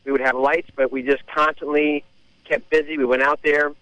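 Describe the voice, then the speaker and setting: Radio caller, male, bright voice, hesitant with fillers, dry phone-line sound. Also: a little high, flat delivery, moderate pace, no room sound. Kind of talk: casual phone-in chat.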